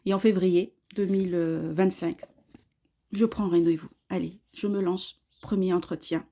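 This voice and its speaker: A woman in her fifties, originally from Australia, tells her own story straight to the listener. Her voice is mellow and warm. She speaks earnestly in short, halting phrases, stopping often to find her words. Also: lowish voice, steady tone. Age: 50s. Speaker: course student giving a testimonial. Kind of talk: personal testimonial monologue.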